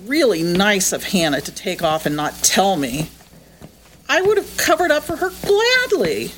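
A woman voicing a young female maid in an audio drama, muttering sulkily to herself and breaking into shrill screams. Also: low-quality recording. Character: young female maid, grumbling then panicked.

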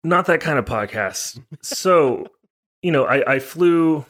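Chatting casually on a podcast, this co-host recounts a travel story, slipping into the voices of others involved. His voice is a little high and fairly bright, with lively intonation and a slow pace.

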